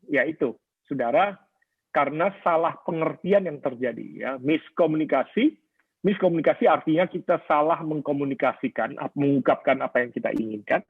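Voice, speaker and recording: A man's voice: on the high side, fairly quick, husky, no room sound. Man preaching over a tinny radio line. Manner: personal storytelling, addresses listeners directly. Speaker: pastor. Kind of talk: sermon on marriage.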